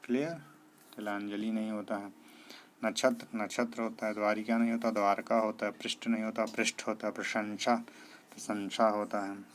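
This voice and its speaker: A man from India teaching an exam-prep spelling lesson, drilling word pairs, repeating the correct form and checking with "clear?". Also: on the low side, little pitch movement, moderate pace, a little hiss or hum. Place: coaching classroom.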